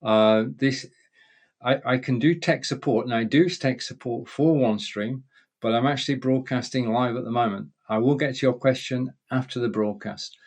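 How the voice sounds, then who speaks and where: A man presenting a live-streamed software walkthrough, reading viewer chat aloud on air, heard through live-streamed broadcast audio. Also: mid-range voice, normal speed. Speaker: livestream presenter and tech support.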